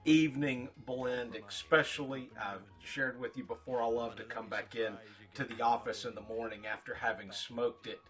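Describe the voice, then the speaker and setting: A man giving a casual, rambling product review in short, halting phrases, as a reviewer talking to his viewers. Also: mid-range voice, steady tone, a bit bright, soft background music. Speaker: pipe tobacco reviewer.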